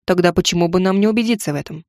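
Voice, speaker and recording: A woman's voice: on the low side, rapid-fire, darkish tone, no echo, studio quality, lightly acted. A woman voicing a teasing young dragon knight. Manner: easygoing, mildly mocking.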